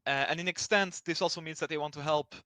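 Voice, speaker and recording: A Belgian man, appearing as an interview guest for a blockchain project, gives explanatory answers. His voice is bright and slightly high, and he feels his way through sentences with halting restarts. The recording is close and dry.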